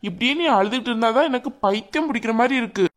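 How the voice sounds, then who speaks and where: A woman's voice: fairly high pitch, very fast. A woman acting in a family drama, speaking in a coaxing, questioning way. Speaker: concerned mother-in-law figure in a family drama. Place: indoors at home.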